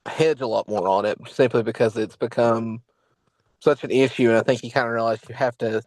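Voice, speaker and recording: A man's voice: mid-range voice, steady tone, fairly quick, a little mellow, no echo, rough recording. A young man co-hosting a casual political podcast, rambling with lots of fillers and restarts. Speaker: podcast co-host.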